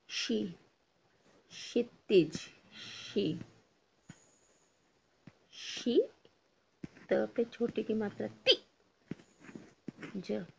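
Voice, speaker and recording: A woman with a gravelly, slightly rough voice on the high side teaches a Hindi lesson, patiently spelling out words syllable by syllable and having students repeat after her. The recording sounds dull and lo-fi.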